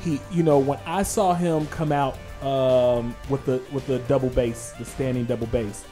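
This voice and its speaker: A man hosting a casual panel discussion in a measured, halting, pointed way. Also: mid-range voice, fairly even intonation, warm tone, faint music behind. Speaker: podcast host.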